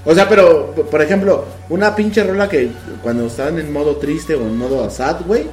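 A man's voice: on the high side, normal speed, darkish tone. Young man, Mexican accent, slangy, quizzes his friends, roomy sound, faint music. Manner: slangy, keeps asking the others questions. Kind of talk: casual chat.

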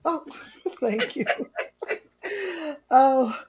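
Woman caller, slow and laughing, faint hiss on the line. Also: sits high, lively intonation, a little mellow. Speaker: guest caller.

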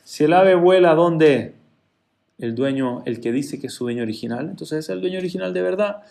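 Man, gravelly, slightly high voice, sermon parable, animated character voices. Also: a little fast. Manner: acts out the characters' voices with lively shifts in pitch and loudness. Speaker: rabbi or teacher telling a parable.

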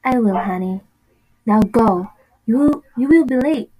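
A woman's voice: fairly high pitch, measured pace, mellow, breathy edge, rough recording. A woman playing a devoted, determined single mother in an amateur audio drama, earnest and emotional. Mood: warm.

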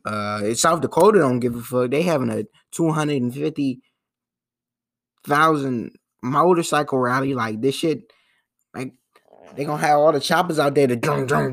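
A young man with a gravelly, medium-pitched, slightly bright voice hosts a solo podcast of casual commentary. He rambles loosely and profanely, restarting often and using slang.

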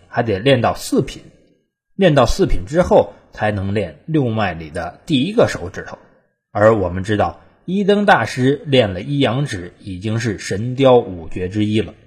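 Man, scripted list narration, very varied pitch, husky edge, wry colloquial delivery.

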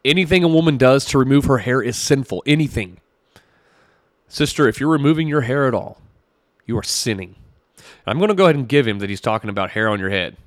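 On a studio-quality, dry recording, a male podcast host with a mid-range voice talks fast and expressively as he critiques a sermon excerpt. Between wry chuckles he reads verses of scripture aloud in a casual, conversational manner.

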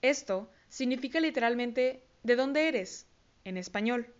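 A woman hosting a scripted podcast lesson, slowly and carefully repeating words for listeners to copy. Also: a little high, lively intonation, lo-fi sound. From Mexico. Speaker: English teacher host of a podcast.

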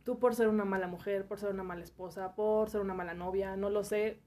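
A woman's voice: medium pitch, fairly even intonation, fast, darkish tone. Engaged woman hosting a chat. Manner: engaged, chiming in often. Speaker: host. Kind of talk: conversational interview.

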